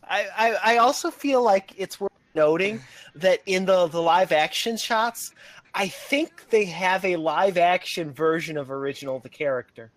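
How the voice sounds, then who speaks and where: A man's voice: high-pitched, a little slow, a bit bright, no echo. Hesitant man with a dry close voice. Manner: hesitant, stumbling restarts. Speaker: co-commentator. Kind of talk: casual gaming chat.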